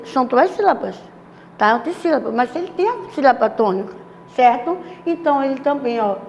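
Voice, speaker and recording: A woman's voice: fairly high pitch, creaky, lo-fi sound. Woman teacher, affectionate and explanatory, faint hum behind her. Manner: patient, explanatory, checks in with frequent tag questions; affectionate toward students. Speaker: English teacher. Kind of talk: recorded online class lesson. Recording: echoey room with faint background noise.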